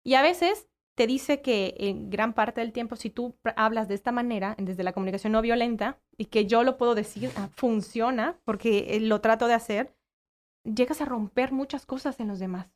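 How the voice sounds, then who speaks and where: A woman who works with children appears as a guest in a casual conversation, speaking at normal speed with a fairly high pitch. She's animated as she explains things, acting out the voices of the people she quotes.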